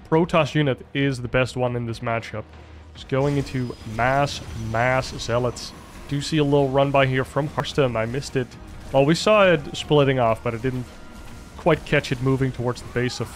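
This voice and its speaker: A man casting a strategy game on his own, calm play-by-play that jumps up in pitch at big fights. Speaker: esports caster. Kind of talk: solo play-by-play commentary.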